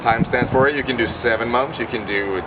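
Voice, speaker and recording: A man's voice: medium pitch, brisk. A young man in his twenties with a Swedish accent, a punk band member chatting casually and rambling with plenty of swearing while he smokes outdoors at night. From Sweden. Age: 20s. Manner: rambling and heavily profane, smoking while talking. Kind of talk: casual interview chat. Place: outdoors at night by a street venue. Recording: tinny lo-fi recording with loud street noise.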